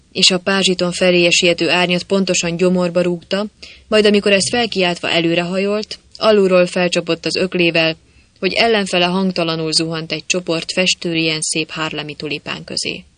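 A man reading a novel aloud as an audiobook narrator, telling it in a lively way. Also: high voice, no echo. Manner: lively storytelling, voicing quoted characters. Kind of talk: scripted narration.

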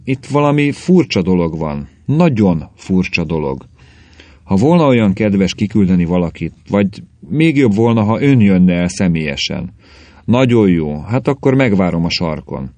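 A man reading aloud as he puts on a jittery, fussy townsman, pitched noticeably above the reader's own low voice and edged with worry. The delivery is pleading and fretful, read close and dry in a storybook telling. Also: a little mellow, dry recording. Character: nervous, fretful middle-aged townsman.

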